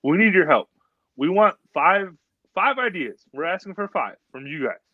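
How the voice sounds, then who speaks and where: Emphatischer Mann, dumpfe trockene Aufnahme. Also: male voice, sits high, animated, normal speed, no room sound. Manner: emphatic, repeats himself for stress. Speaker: podcast co-host. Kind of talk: casual chat. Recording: dull, dry lo-fi sound.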